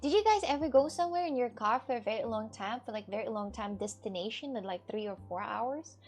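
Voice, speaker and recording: A woman's voice: fairly high pitch, lively intonation, quick pace, a little mellow, faint music behind. A woman in her twenties, a streamer chatting casually with viewers, rambling, laughing often and swearing freely. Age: 20s. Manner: rambling, giggly, frequent swearing. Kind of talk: casual chat answering viewers.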